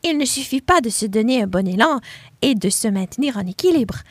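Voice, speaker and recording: A woman's voice: a little high, lively intonation, a little fast, no room sound. A woman voicing a small determined female pig in a storybook, eager and hopeful, raised a little above her own voice.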